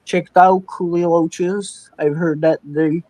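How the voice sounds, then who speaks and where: A man's voice: a little high, fairly even intonation, slow, mellow, no room sound, poor audio. A young man from the calls in to a live stream and hesitantly asks questions about his aquarium. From Czech Republic. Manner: hesitant, many fillers and restarts, asks questions. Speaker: caller. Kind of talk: live-stream casual chat.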